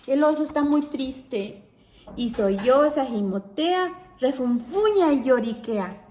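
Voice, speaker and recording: A woman teacher reads a picture book aloud to children with an animated storytelling manner. Her voice is high and she takes her time, stopping to ask the children questions. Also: slow pace, slight background noise.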